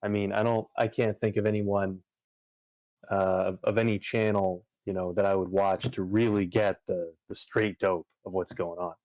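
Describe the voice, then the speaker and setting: A man's voice: low voice, flat delivery, normal speed, darkish tone, no room sound. A man chatting casually on a livestream, rambling with lots of fillers and restarts. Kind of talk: casual chat while gaming on a livestream.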